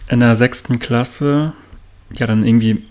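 A young man in casual chat with an old school friend, relaxed and talkative, asking many questions. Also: medium pitch, measured pace.

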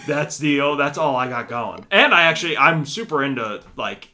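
A man's voice: on the high side, animated, moderate pace, bright, forceful tone. A man co-hosting a casual sports podcast, rambling and swearing freely as he corrects himself mid-sentence. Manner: rambling, profane, self-correcting. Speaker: podcast co-host.

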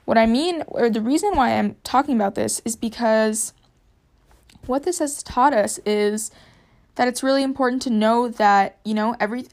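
Young woman just chatting on her podcast, lots of um and you know, keeps restarting. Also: fairly high pitch. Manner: rambling, many fillers and self-corrections. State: hiccups. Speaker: podcast host. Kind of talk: casual solo podcast talk.

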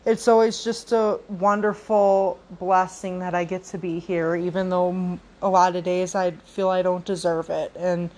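A woman's voice: lowish voice, a little mellow. A woman in her late twenties hosting a podcast alone, talking in a reflective way with many fillers and restarts. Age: 20s. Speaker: podcast host. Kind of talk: casual solo podcast talk.

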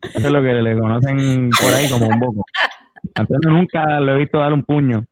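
A man's voice: mid-range voice, fairly even intonation, brisk, a little mellow, no room sound. A man chatting loosely as a band member guest, swearing and laughing often. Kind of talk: casual interview chat.

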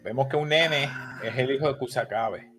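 A man, co-hosting a casual anime discussion, talking in an excitable, rambling way and dropping in English words. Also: mid-range voice, moderate pace, soft background music. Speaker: co-host.

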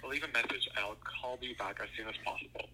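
A man's recorded voicemail greeting with a stiff delivery, played back over a glitchy phone line whose pitch jumps up and down. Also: very fast, bright, forceful tone, a little hiss or hum. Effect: glitchy phone audio with jumping pitch.

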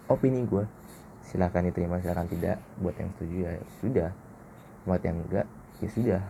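Gravelly, dark-voiced man, solo podcast. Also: deep voice, a little hiss or hum. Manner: blunt, slangy, self-mocking. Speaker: podcast host. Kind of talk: casual solo podcast monologue.

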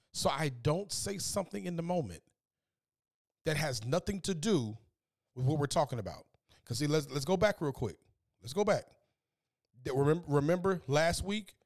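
Earnest preaching man, slightly high voice. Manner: earnest, preachy, repeats words when fired up. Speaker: podcast host. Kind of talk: faith-based motivational monologue.

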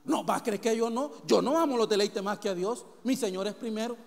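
Man doing a smug churchgoer, self-righteous, defensive, high for a man, long hall reverb. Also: a little fast, vocal fry. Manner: boastful denials, protests innocence.

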